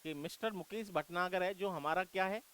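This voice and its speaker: A man's voice: sits high, fairly quick, fairly bright tone, smooth, poor audio. An Indian man teaching an English grammar lesson for exam prep, coaxing his students with repeated rhetorical questions and calling them "beta".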